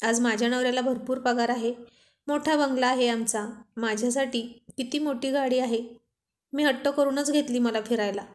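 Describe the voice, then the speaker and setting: A woman's voice: high voice, fairly even intonation, moderate pace, close to an everyday voice. A woman voicing a proud young married woman who brags haughtily, in a storybook reading. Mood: boastful. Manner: haughty, bragging.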